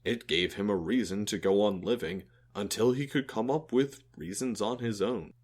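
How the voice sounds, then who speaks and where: A man's voice: fairly low pitch, moderate pace, breathy edge. A man voicing a thoughtful male alien who befriended a human, explaining things earnestly in an audio drama. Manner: earnest, explanatory, lively intonation.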